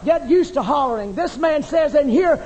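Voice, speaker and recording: A woman preaching a fervent Pentecostal sermon, building to shouted repetitions and calling on the congregation to repeat her words, in an old archive tape from a church service. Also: high voice, lively intonation, moderate pace. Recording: reverberant church with faint hiss, 1980 archive tape.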